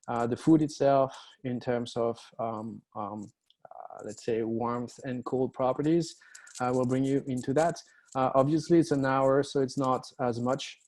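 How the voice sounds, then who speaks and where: A man with a French accent gives an online lecture at a middle pitch. He talks hesitantly and fills his sentences with "uh". He sounds middle-aged, speaking through a computer mic on a video call. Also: mellow. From France. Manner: hesitant, many "uh" fillers. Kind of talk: webinar lecture.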